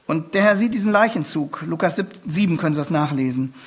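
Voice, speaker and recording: A man preaching a sermon to his congregation, emphatic, often repeating words and building to forceful appeals. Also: a little high, animated, a little fast, slightly rough.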